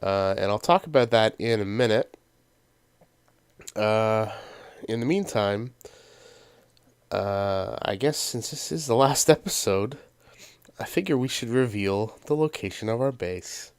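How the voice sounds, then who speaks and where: A man with a fairly low, clear, resonant voice hosts a let's play series, his commentary casual and rambling with plenty of ums and uhs. He's unhurried and pauses often, and a sinus cold gives him a stuffy nose. The recording is dry.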